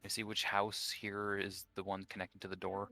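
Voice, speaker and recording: A man's voice: on the low side, monotone, normal speed, vocal fry, pushed and bright. A young man playing a tabletop game, swearing and talking in a loose, scattered way. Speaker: player. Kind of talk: casual chat.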